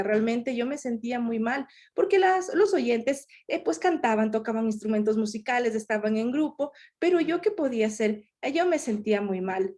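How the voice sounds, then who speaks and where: A woman voicing a deaf speaker's talk live in the first person, halting, with many fillers and restarts. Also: fairly high pitch, a little mellow. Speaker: sign language interpreter voicing a deaf speaker. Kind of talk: live interpretation of a conference talk.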